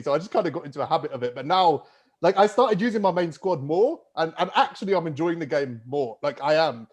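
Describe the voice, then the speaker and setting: A man hosting a casual gaming podcast, chatty and quick to laugh. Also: a little high, darkish tone.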